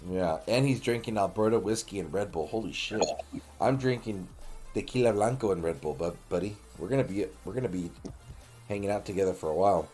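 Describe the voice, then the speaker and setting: A man with a lowish, mellow voice hosts a late-night game stream at a fairly quick pace, with faint music behind him. He jokes loosely with viewers like a buddy and swears freely.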